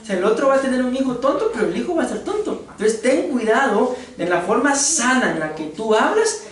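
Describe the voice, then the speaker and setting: A man's voice: very high voice, very animated, brisk. A man with a Costa Rican accent preaching a conversational sermon, joking and asking his congregation rhetorical questions. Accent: Costa Rican Spanish. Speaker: pastor. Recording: very echoey room, voice from far off.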